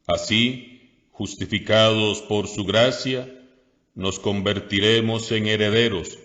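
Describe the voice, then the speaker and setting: A Costa Rican priest reading scripture aloud in a slow, measured way, then preaching a homily. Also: male voice, fairly low pitch, fairly bright tone. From Costa Rica. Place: parish church. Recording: dull lo-fi audio with long church reverb.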